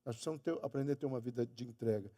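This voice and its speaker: A man's voice: rapid-fire, warm tone. Emphatic Brazilian male preacher in an echoing hall. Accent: Brazilian Portuguese. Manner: emphatic, stretching key words and raising pitch on quoted lines. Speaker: pastor. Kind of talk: sermon. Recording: long church hall reverb.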